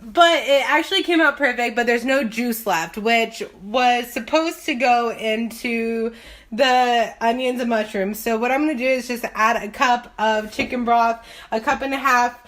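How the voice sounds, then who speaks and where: Tipsy, higher-voiced woman chatting while cooking. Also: unhurried, a bit bright. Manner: tipsy, loose and giggly; rambling, thinking aloud. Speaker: home cook hosting a cooking video. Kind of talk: casual cooking vlog chat. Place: home kitchen.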